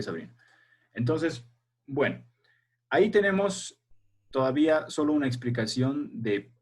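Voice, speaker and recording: A man with a mid-pitched, slightly husky voice teaches primary school children over a video call. He explains patiently one step at a time and stops often to ask whether everyone understands. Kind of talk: online class teaching.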